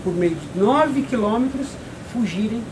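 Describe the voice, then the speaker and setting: A man's voice: high-pitched, lively intonation, a little slow. A man in his forties with a São Paulo Brazilian accent, a local reporter asking leading questions in a chatty street interview. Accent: Brazilian Portuguese, São Paulo. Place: outdoors beside a restaurant. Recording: noisy outdoor field recording.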